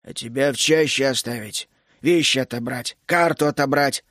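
A gruff, grumpy middle-aged dragon keeper, put on by a male audiobook narrator, grumbling and scolding with sudden hot outbursts. The voice sits lower than his narration and is recorded close and dry. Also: moderate pace, a bit bright, no room sound, close to an everyday voice. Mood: gloomy. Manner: grumbling, scolding, bursts out hotly. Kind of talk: audiobook character voice.

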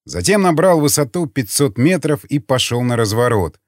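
Guy reading an audiobook, really lively and dramatic, dry close mic. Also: medium pitch, moderate pace, no room sound. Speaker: narrator. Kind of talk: audiobook narration.

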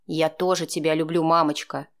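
A tired, wry grown man who deflects worry with calm teasing, read by a woman in her own voice. Her pitch barely moves from her plain narration. It has the feel of an audiobook. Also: fairly quick.

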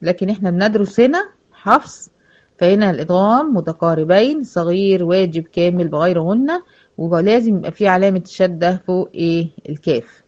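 A woman's voice: on the low side, lively intonation, a little fast, darkish tone, highs cut off. A woman with an Egyptian accent teaching Quran recitation rules to female students, patiently asking questions and answering them herself. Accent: Egyptian Arabic. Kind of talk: online tajweed lesson to female students.

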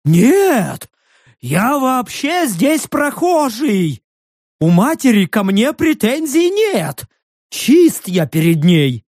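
A man voicing a jittery, touchy furry male beast-man who yelps and shouts in a high, strained voice. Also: wildly swooping pitch, slow, no room sound, studio quality, exaggerated voice. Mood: indignant. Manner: high yelping, defensive shouting.

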